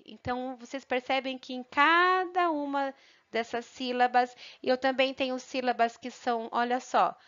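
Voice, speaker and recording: A woman teacher giving a recorded lesson, checking in often and sounding out syllables slowly and clearly. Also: sits high, fairly bright tone. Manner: patient, checks in with "tá?" and "tá bom?". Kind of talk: recorded online grammar lesson. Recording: muffled lo-fi audio.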